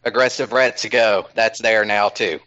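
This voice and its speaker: A man's voice: fairly low pitch, fairly even intonation, normal speed, pushed and bright. A man chatting casually as a podcast host, rambling with many ums and restarts. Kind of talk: casual chat. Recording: slightly dull lo-fi sound.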